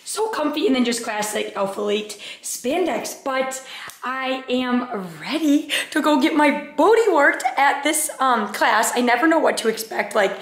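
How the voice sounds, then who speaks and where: A woman's voice: high-pitched, a little slow, echoey room. A woman in casual vlog talk to camera, bubbly and chatty, full of "like" and "you guys,". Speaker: vlogger.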